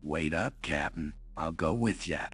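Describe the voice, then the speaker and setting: A man's voice: extremely low pitch, a little slow, a bit bright. A man voicing a good-natured, dry-witted starship engineer in a video game. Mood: eager. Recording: synth music behind the voice.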